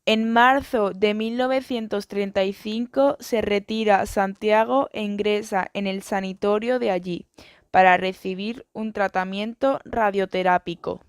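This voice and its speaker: Woman narrating a school lesson, smooth clean voice, dry close sound, steady pace. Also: medium pitch, measured pace, no room sound. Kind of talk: read educational narration.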